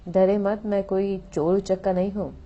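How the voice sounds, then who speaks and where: A woman's voice: mid-range voice, fairly even intonation, moderate pace, natural voice. A woman voicing a friendly young male med student. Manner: chatty, teasing, then earnest. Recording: dull lo-fi audio with faint music.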